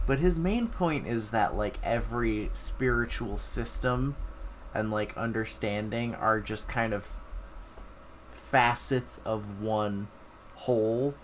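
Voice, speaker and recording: A man's voice: lowish voice, slow, slight background noise, low-quality recording. A man streaming casual reaction commentary, swearing freely and talking in sardonic, exaggerated exasperation. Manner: profane, hyperbolic, exasperated, sardonic.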